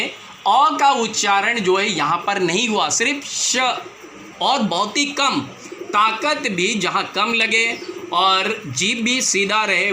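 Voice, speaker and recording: High, bright-voiced man teaching a lesson. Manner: patient, repetitive explaining, addresses viewers as children. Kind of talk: Hindi grammar lesson. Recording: echoey room, faint background noise.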